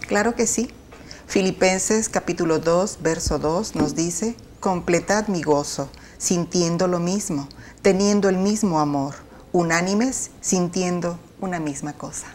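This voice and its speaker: A woman with a fairly low voice introduces herself and reads a verse calmly. A faint hiss sits behind her voice. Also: a little slow. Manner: calm, reads scripture aloud. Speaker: guest, university recruiter. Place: TV studio.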